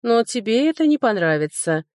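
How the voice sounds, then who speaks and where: Woman putting on a sly mocking high lord. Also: big pitch swings, moderate pace, a little mellow, no echo, studio quality. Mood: defensive. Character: sly male high lord, a mage, evasive.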